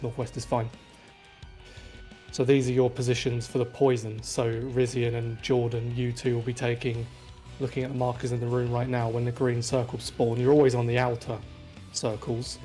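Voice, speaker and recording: A man's voice: mid-range voice, flat delivery, moderate pace, dark tone, faint music behind. A man leading a raid group, patiently explaining positions step by step, heard over group voice chat. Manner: methodical, patient step-by-step calls. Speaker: raid leader.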